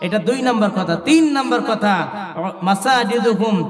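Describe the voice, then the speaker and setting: A man's voice: very high voice, normal speed, noisy background. A man with a Rangpur Bengali accent preaching a sermon at an outdoor religious gathering, chanting and calling out to the crowd. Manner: chanting preaching with sung cadences, calls to the crowd. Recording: echoey public address sound, long reverb.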